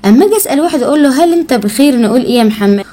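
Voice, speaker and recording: A woman's voice: high voice, lively intonation, rapid-fire, mellow. A woman with an Egyptian Arabic accent giving a children's English lesson, patiently repeating words and spelling them out. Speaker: English teacher.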